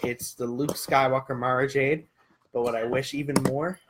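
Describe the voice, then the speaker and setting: A man's voice: mid-range voice, fairly even intonation, moderate pace, noisy background. A young man co-hosting a casual podcast chat, joking and theatrical. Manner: jokey, theatrical. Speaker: podcast co-host.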